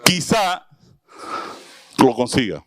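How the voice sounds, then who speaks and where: A medium-pitched, fairly bright male voice, very animated but slow, heard on a dry recording. He's a preacher giving a Bible class to a small group, questioning them and acting out brief scenes in sermon-like teaching.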